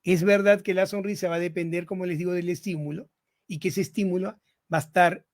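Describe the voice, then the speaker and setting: Man, 60s, high pitch; doctor giving a podcast lecture, rhetorical, keeps checking in with the audience. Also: vocal fry, a little mellow. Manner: rhetorical, keeps asking listeners "¿no?". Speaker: physician podcast speaker. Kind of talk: lecture-style podcast talk to listeners.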